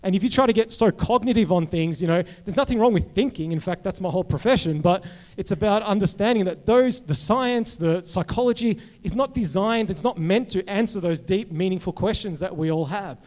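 A man's voice: sits high, fairly quick, darkish tone. A man, a psychologist giving a personal testimony sermon in a loose, conversational way with many fillers and restarts. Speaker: guest speaker, psychologist.

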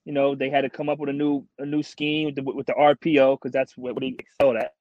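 A man's voice: mid-range voice, little pitch movement, fast, dry recording. A young man co-hosting a sports podcast in casual, slangy frat-bro talk, like chatting with a buddy. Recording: dull, dry lo-fi audio.

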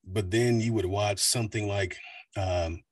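A man in his forties from the United States, a voice actor and coach with a deep baritone, talking animatedly in an interview. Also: far from the mic. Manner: animated, slips into quick voice demos. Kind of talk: casual interview talk.

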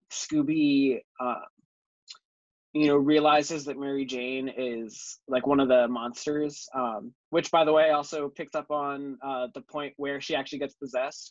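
A man's voice: mid-range voice, no echo. Male podcast guest, filler-heavy, on a dull, dry-sounding mic. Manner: enthusiastic, filler-heavy, lots of "like" and "um". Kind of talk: casual podcast discussion.

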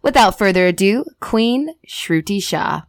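A woman hosts her podcast with a brash, slangy energy, tossing in casual address to her listeners. Her voice sits at an ordinary pitch for a woman. The recording is dry and close. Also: expressive, measured pace, no echo. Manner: brash, slangy, says y'all and honey. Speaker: podcast host.

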